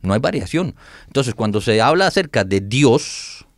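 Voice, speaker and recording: A man's voice: medium pitch, normal speed, dry recording. Dry-voiced man teaching scripture. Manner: animated explainer, reads scripture aloud, laughs often. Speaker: Bible teacher guest. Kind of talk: conversational Bible teaching.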